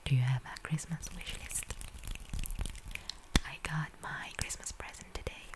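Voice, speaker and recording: A woman's voice: low-pitched, steady tone. Young woman whispering ASMR. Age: young adult. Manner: whispering, with rapidly repeated trigger words. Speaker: ASMR video creator and streamer. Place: small room at home, indoors. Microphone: close studio microphone.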